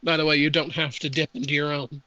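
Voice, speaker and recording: A man acting as game master, reading out rules and narrating a tabletop game in a slow, measured way with hesitant pauses. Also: fairly high pitch, level tone, bright, forceful tone, no echo, dull audio.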